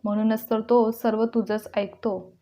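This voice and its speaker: A woman's voice: fairly high pitch, little pitch movement, a little slow, mellow. A woman voicing a grown daughter who confronts her sister-in-law sarcastically. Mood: scolding. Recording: dull lo-fi recording.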